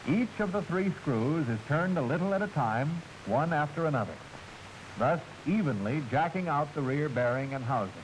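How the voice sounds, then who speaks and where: At normal speed, an American narrator delivers formal, clearly articulated instructions from a script styled like a 1940s military film. He speaks in a fairly high register with animated intonation, and the aged soundtrack has a slight hiss.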